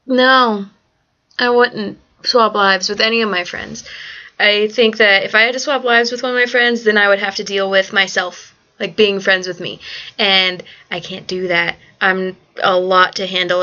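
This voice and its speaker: A woman's voice: medium pitch, flat delivery, measured pace, bright, forceful tone, lo-fi sound. A young woman rambling through a survey in a casual vlog, cursing often, blunt and ranty, with lots of "like" fillers, groggy late at night. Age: young adult. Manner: valley-girl fillers like "like". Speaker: vlogger answering a survey.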